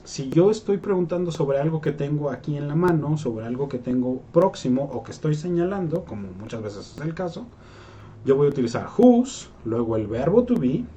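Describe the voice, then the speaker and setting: Brief: young male teacher, casual lesson, fairly high voice with a mellow, dark tone. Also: lively intonation, moderate pace, slight background noise. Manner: playful, jokes and acts out quoted voices. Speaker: English teacher.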